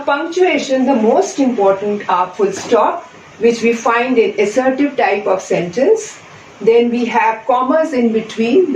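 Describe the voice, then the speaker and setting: A woman gives an English lesson at a slow, deliberate pace, her voice a little high. She repeats and counts out each example patiently. The sound is roomy and distant, as if the mic sits far away. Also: darkish tone, a little hiss or hum. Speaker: English teacher. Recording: echoey room from far off.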